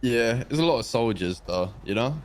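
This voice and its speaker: A man's voice: medium pitch, expressive, moderate pace. A man chatting casually in a game roleplay, understated and conciliatory. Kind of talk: casual in-character gaming roleplay chat.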